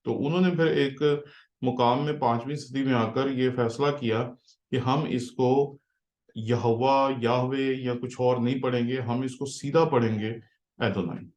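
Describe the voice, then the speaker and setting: A man's voice: medium pitch, fairly even intonation, moderate pace, darkish tone. Patient man teaching in echoey room. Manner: patient, explaining step by step with frequent "theek hai". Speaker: pastor teaching Hebrew. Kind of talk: online class lesson.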